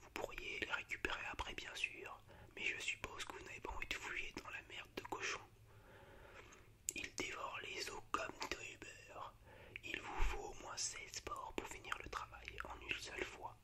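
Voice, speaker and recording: Speaking only in a breathy whisper with no voiced sound, a man reads movie monologues for ASMR. He doesn't rush, and there's a mild hesitance in his delivery.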